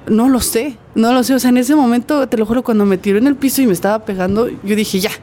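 A woman's voice: fairly high pitch, fast talker, dark tone, slight background noise. A woman with a Mexican Spanish accent, an interview guest giving an earnest personal testimony and vividly acting out what others said.

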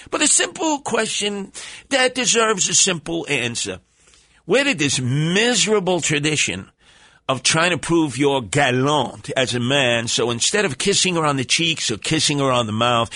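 Bright, forceful New York talk radio man. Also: on the high side, dry recording. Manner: theatrical, bombastic, streetwise, colourful coinages. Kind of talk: rambling comic monologue on talk radio.

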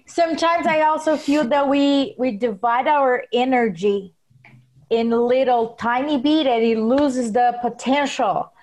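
A woman's voice: high-pitched, a little slow, a little mellow, low-quality recording. Woman, podcast co-host, casual laughing banter. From Brazil.

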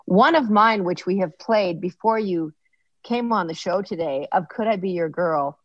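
Speaking at a moderate pace in a lowish voice, this podcast host is a chatty, warm storyteller who wanders into anecdotes during a casual interview. The audio has no room sound, and its highs are cut off.

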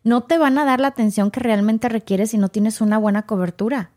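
A woman with a fairly quick, higher-leaning voice is a podcast guest telling her own story with emotion. She's animated and acts out the quoted dialogue of the people involved.

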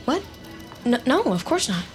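An actress voices an awkward, nosy, lonely woman who works as a data analyst, delivering both dialogue and inner monologue in a scripted audio drama. Her high voice swings widely in pitch as she speaks haltingly and wryly, muttering to herself in an awkward, evasive mood. Soft music plays in the background.

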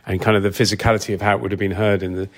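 Speaking in a level tone, a man with a fairly low voice describes his work as a film sound designer during an interview. He comes across as relaxed and thoughtful, pausing a little as he thinks out loud and rewords his sentences.

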